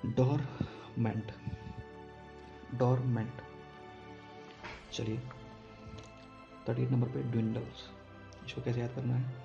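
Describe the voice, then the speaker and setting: A man's voice: medium pitch, flat delivery, moderate pace, creaky, long pauses, muffled recording, over music. A man teaching exam vocabulary, explaining words and often checking that listeners follow along.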